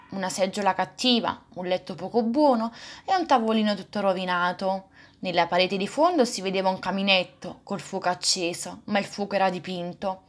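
A woman reading a children's classic aloud, with expressive, lively phrasing. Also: mid-range voice. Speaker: reader. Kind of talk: storybook reading.

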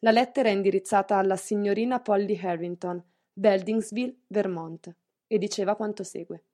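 Warm-voiced woman narrating a novel. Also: mid-range voice, steady tone, normal speed. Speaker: audiobook narrator. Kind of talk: scripted narration.

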